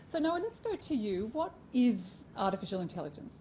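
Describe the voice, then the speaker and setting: A woman's voice: a little high, big pitch swings, a little fast, dark tone, a little hiss or hum, low-quality recording. A woman moderating a live panel, addressing the audience and putting questions to the speakers. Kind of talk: live event hosting.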